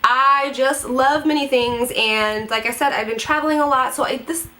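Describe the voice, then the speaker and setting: A woman in her twenties chats casually to camera as a beauty vlogger, gushing and bubbly while slightly congested from a head cold. Her high voice is steady, bright and forceful at a moderate pace.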